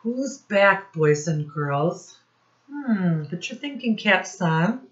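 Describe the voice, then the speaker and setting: Animated and slow-paced, a low-voiced American woman teaches young children during storytime from a home office classroom. She's a teacher and read-aloud host who instructs, asks questions and addresses listeners directly, though the recording is muffled.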